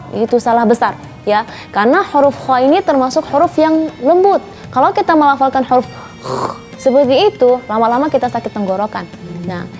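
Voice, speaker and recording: Woman, recitation teacher, patient, repeats syllables, slightly high voice, soft music behind. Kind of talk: spoken tutorial lesson.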